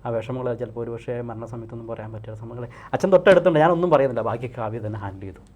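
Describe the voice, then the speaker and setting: Man leading a slow hypnosis session. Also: medium pitch, a little mellow, muffled recording. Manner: repetitive soothing commands, slow counting.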